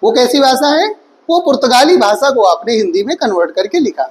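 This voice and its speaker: A man's voice: extremely high pitch, expressive, brisk, low-quality recording. A man teaching an online exam-prep Hindi class, listing words and quizzing his students with rhetorical questions, calling them his children. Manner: addresses students fondly as children.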